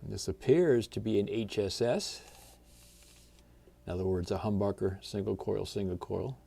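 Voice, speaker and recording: A man hosting a guitar channel, chatting in a relaxed, folksy way while unboxing a new guitar. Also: on the low side, moderate pace, creaky, husky. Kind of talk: casual unboxing vlog.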